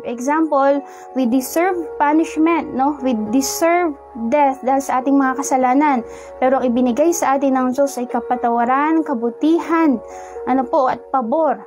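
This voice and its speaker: Filipino woman preaching over soft music. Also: high-pitched, steady tone. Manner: polite, unhurried storytelling with frequent "ano po" fillers. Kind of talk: sermon.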